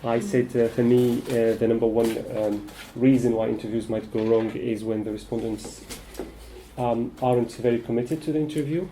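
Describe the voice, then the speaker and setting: A man leads a relaxed group discussion. His voice has a dark, mellow tone. He speaks haltingly and fills the gaps with frequent ums, with a faint hiss of noise behind him. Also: medium pitch, poor audio. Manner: hesitant, many filler pauses. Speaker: support group facilitator.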